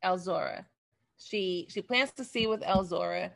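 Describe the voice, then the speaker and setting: A woman's voice: on the low side, measured pace, creaky, a bit bright. A woman co-hosting a casual film discussion, retelling scenes and acting out the characters' lines. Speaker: podcast co-host.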